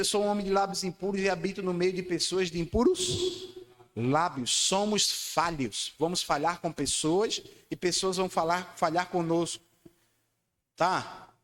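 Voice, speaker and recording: A man preaching a sermon, asking his congregation to repeat lines back to him. He swings between loud, high declarations and low, quiet lines. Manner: emphatic, calls for congregation responses. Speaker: pastor. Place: church hall. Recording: long church hall reverb.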